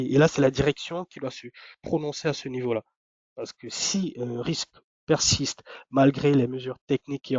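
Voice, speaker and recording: A man's voice: mid-range voice, darkish tone, no echo. Hesitant man presenting a webinar. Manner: hesitant, many fillers and restarts. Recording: dry, dull lo-fi sound.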